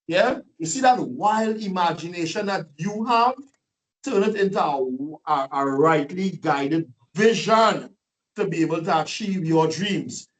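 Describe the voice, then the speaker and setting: Lively man, webinar talk. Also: high voice, distant mic, rough recording. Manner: lively, preachy, rhetorical questions. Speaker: guest speaker.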